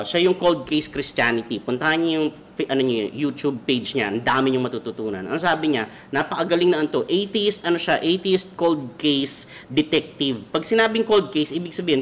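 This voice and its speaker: A man's voice: a little high, slight background noise. A man with a Filipino accent hosting a comedic Bible study livestream, joking and checking in with his audience. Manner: jokey, animated, keeps checking in with the audience. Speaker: devotional show host.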